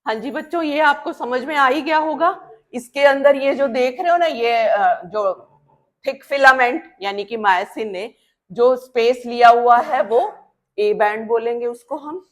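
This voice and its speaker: While drawing, a woman teaches biology in a fairly high voice, constantly quizzing her students and then answering her own questions. She slows way down to drill the key terms, repeating them.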